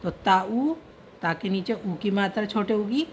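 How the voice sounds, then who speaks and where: A woman's voice: medium pitch, animated, measured pace, slight background noise. A woman teaching an online reading and writing lesson, patiently spelling out letters and their sounds one by one.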